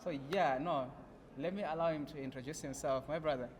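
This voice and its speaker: A man from South Africa hosting a podcast, asking questions in a friendly, quick-fire way. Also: fairly high pitch, noisy background. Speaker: podcast host. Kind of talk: casual interview chat. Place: podcast studio.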